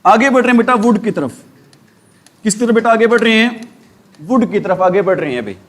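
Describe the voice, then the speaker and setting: A high-pitched man with a Hindi accent runs a classroom grammar lesson. He asks the same question again and again and answers it himself. He calls the students "beta". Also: animated, brisk. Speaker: English teacher.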